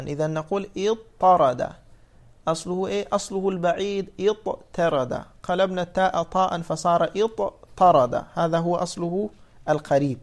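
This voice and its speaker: A man giving a classroom explanation, often asking students whether they follow and then answering his own questions. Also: a little high. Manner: asks the class questions and answers them himself; repeats points slowly and emphatically. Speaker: teacher of Arabic morphology.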